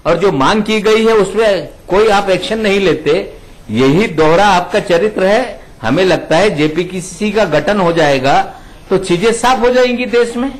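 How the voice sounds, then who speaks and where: A man with a high voice argues for his party in a TV debate. He rebuts the other side insistently. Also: lively intonation, unhurried, rough recording. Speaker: party spokesman. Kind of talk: political debate.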